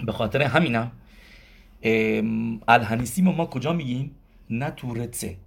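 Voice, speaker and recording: In this Persian Torah lesson, a rabbi with a mid-range, gravelly, slightly rough voice explains things step by step. He counts gematria aloud and poses questions only to answer them himself.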